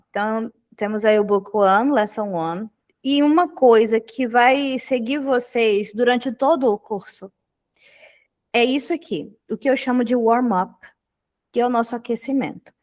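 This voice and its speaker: A young adult woman from Brazil teaching an online English class over a video call, explaining patiently and checking in often with the students. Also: fairly high pitch. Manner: explanatory, frequent "tá?" checks, repeats phrases slowly.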